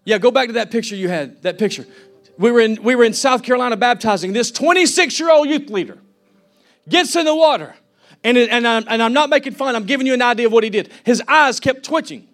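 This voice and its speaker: A man's voice: very high-pitched, expressive, fast talker, a bit bright, faint music behind. A man preaching a fervent sermon as a pastor, acting out the people he quotes.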